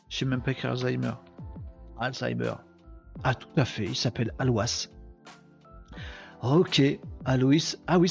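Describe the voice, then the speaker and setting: A man's voice: mid-range voice, creaky. A man hosting a casual live stream, chatty and self-mocking, answering viewers' comments as he goes. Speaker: live show host. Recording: slightly dull sound with faint music behind.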